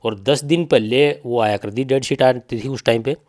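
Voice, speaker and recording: With a medium-pitched, slightly mellow voice at a moderate pace, a middle-aged Haryanvi-accented man who has lost a child speaks in an interview. He testifies insistently, repeating himself and reporting what was said to him.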